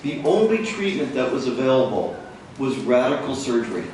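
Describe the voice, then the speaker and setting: Male physician lecturer, extremely slow and measured, formal, far from the mic in a strongly echoing room. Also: mid-range voice, very animated, a little mellow. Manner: measured, deliberate, pausing between phrases. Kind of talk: formal lecture in short phrases for interpretation. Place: large echoing room at a talk. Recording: very echoey room, distant mic, faint noise.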